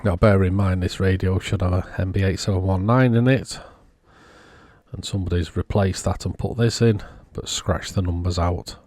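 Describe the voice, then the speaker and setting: A man giving casual, unhurried technical commentary, thinking aloud as he inspects a circuit board. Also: deep voice, steady tone, a little mellow, dry recording, clean studio sound. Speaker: electronics repair vlogger.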